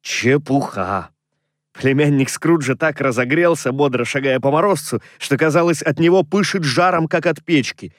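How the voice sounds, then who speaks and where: A man narrating a classic story in a measured, expressive way. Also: on the high side, no room sound, studio quality. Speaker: audiobook narrator. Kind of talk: scripted literary narration.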